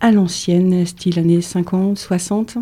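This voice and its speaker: A woman's voice: on the low side, fairly even intonation, measured pace, dark tone. A woman hosting an interview, upbeat and enthusiastic as she asks her guest questions. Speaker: interviewer host. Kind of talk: casual interview.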